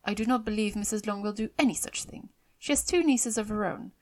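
A woman voicing a fretful, self-pitying, excitable middle-aged mother in an audiobook of a classic novel, with emphatic, complaining delivery. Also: medium pitch, brisk, natural voice. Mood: resentful, scolding.

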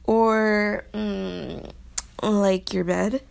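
Woman acting a coy, creaky-voiced young captive princess. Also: medium pitch, steady tone, extremely slow, darkish tone, full character voice. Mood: coy pleading. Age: young adult. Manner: breathy, coy, pleading, playful. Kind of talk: intimate audio role-play.

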